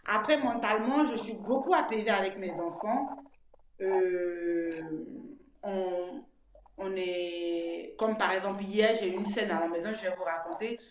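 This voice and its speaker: A woman in her thirties speaks at a medium, unhurried pitch while giving a casual testimonial interview about her own experience. She talks freely, repeats words, and retells scenes from home. The room is echoey but the noise is clear.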